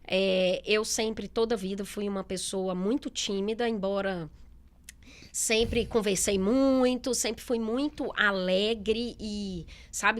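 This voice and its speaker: A middle-aged businesswoman in a relaxed interview, talking candidly with many fillers and quoted asides. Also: mid-range voice. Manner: chatty, candid, lots of fillers and quoted speech. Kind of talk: casual interview talk.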